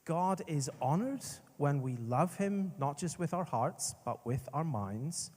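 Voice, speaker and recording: Northern Irish man, emphatic talk, slightly high voice, long hall reverb. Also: slow, husky. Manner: energetic, emphatic, self-deprecating humor. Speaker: speaker. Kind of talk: apologetics talk. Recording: echoey hall.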